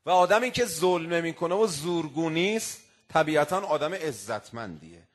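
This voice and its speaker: Impassioned high-voiced male preacher. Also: animated. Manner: impassioned, swells to emphatic declamation, recites Arabic quotations. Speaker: cleric preacher. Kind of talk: sermon.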